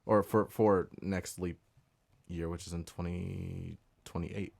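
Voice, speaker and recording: Excitable young man, rambling, slightly low voice. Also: slow, creaky, slightly rough. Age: 20s. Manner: rambling, heavy use of "like", excitable. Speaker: podcast guest, concert photographer. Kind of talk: casual chat.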